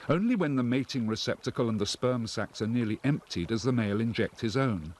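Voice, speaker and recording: A man reading scripted nature documentary narration in a measured, explanatory way. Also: medium pitch, animated, darkish tone, slight background noise.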